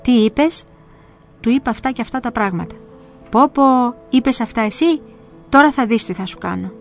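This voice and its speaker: A woman voicing a strict old male monk elder who gives sharp, scolding commands in a storybook reading. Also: a little high, gravelly, soft background music.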